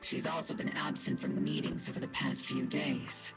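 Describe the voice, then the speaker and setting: A man voicing a calm, reassuring officer in measured video game dialogue. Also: mid-range voice, over music, close to an everyday voice.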